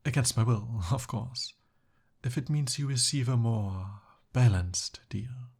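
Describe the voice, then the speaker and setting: In this ASMR roleplay, a man voices a young prince kept captive by a dragon, using courtly, formal speech at a medium pitch with a gentle husk. The performance is heavily acted, slow and a bit hesitant, with a smooth, eager, scheming air.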